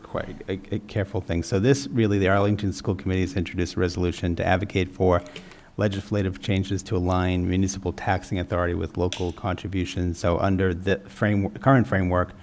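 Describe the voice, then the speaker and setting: Deep-voiced man explaining a resolution. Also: level tone, fairly quick, a little mellow, slight background noise. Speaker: committee member. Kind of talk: meeting discussion.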